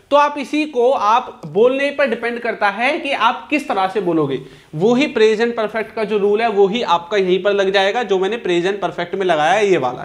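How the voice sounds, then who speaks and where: High-voiced man teaching English grammar. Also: a bit bright. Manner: patient, repetitive, slows to dictate example sentences; checks in often with rhetorical questions. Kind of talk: spoken English lesson explained in Hindi.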